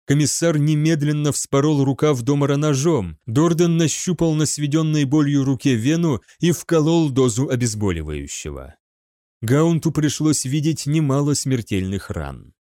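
A man narrating an audiobook in an even, measured storytelling manner. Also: on the high side, dry recording, studio quality. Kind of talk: scripted narration.

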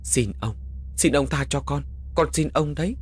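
A man's voice: on the high side, moderate pace, slightly rough, pitched above the performer's own voice. A man voicing a terrified little girl who begs and cries out for help in a spoken horror story. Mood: begging. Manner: begging, crying out.

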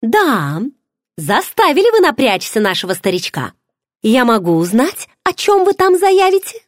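A woman's voice: on the high side, very animated, unhurried, darkish tone, no room sound, clean studio sound, voice pushed up. A woman voicing a playful, nosy young pregnant friend who teases with pushy questions. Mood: teasing. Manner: teasing, bubbly, pushy questions.

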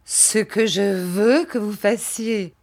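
A woman reading an audiobook, voicing a spiteful young woman full of hatred, who speaks slowly and cuttingly. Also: mid-range voice, darkish tone, voice pushed up. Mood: contemptuous. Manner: slow, hard, cutting delivery.

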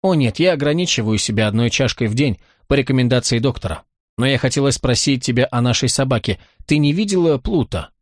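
A man's voice: medium pitch, lively intonation, a little fast, no echo, clean studio sound, natural voice. A man voicing a polite fussy neighbor mom. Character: apologetic divorced neighbor mother.

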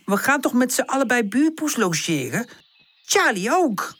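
A woman's voice: fairly high pitch, big pitch swings, moderate pace, fairly bright tone, dry recording, pitched above the performer's own voice. A woman voicing a tidy, bossy young female dog in a children's audiobook, often scolding and exasperated. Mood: fussing. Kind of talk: audiobook character voice.

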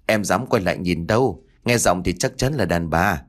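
A man's voice: low-pitched, expressive, normal speed. A man doing an anxious, calling mother. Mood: frightened. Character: worried middle-aged mother, scolding then scared.

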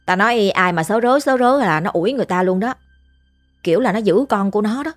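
A woman's voice: medium pitch, fast talker, faint music behind. Chatty Southern Vietnamese woman storyteller. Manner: chatty, animated, imitates pig squeals. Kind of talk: casual storytelling narration.

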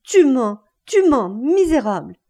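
A woman's voice: high-pitched, sing-song, slow pace, voice pushed up, exaggerated voice. Woman voicing a stammering, raging betrayed husband. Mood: enraged. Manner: stammering, shouting in rage. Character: furious betrayed middle-aged husband.

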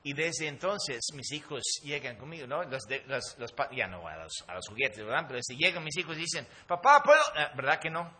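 Middle-aged pastor, emphatic sermon voice, bright and animated. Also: male voice, medium pitch, a little fast, hardly any pauses. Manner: animated, emphatic preaching with hesitations.

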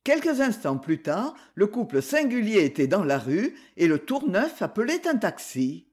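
An audiobook narrator giving a slow, expressive scripted reading of a detective novel. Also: mid-range voice.

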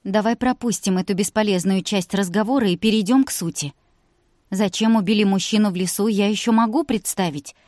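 A woman voicing a sharp, sarcastic young woman in a spoken audiobook, lifting her voice higher and pressing it when she argues. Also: brisk, no room sound, studio quality, natural voice. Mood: agitated argumentative. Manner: sardonic, argumentative.

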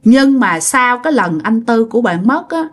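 A woman's voice: on the high side, lively intonation, normal speed. A woman with a Southern Vietnamese accent telling a ghost story in a chatty way, speaking directly to her listeners.

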